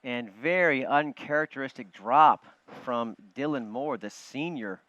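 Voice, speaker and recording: A man calling live football play-by-play from a broadcast booth, quick and chatty, joking with his partner. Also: mid-range voice, a bit bright, no echo. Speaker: play-by-play announcer. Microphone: broadcast booth headset. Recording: dull, muffled broadcast audio.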